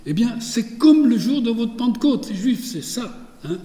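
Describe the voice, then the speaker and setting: A man's voice: extremely high pitch, expressive, normal speed, dark tone, roomy sound, big-room sound. A man giving a lecture on religious texts, digressive, with many fillers and restarts.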